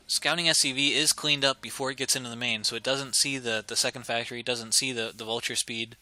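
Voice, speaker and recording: A man commentating a strategy video game, talking through the action casually and getting excited and laughing at big plays. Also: mid-range voice, poor audio. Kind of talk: esports play-by-play commentary.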